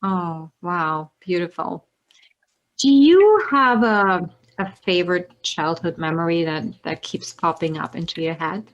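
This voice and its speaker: A woman's voice: lowish voice, lively intonation, unhurried, dull audio. A woman hosting a podcast interview, asking casual questions and answering with encouraging short replies. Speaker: podcast host.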